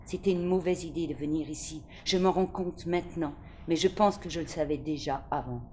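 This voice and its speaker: An actress giving a dramatic first-person reading of a novel, in an intimate, measured storytelling manner. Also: female voice, low-pitched, warm tone, a little hiss or hum.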